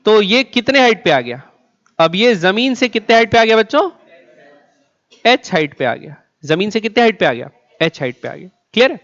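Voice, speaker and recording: Very animated and a bit bright, a high-pitched man delivers a physics classroom lecture, asking the class questions and then answering them himself. He slows right down on key words and repeats them for emphasis, though the recording sounds dull and lo-fi.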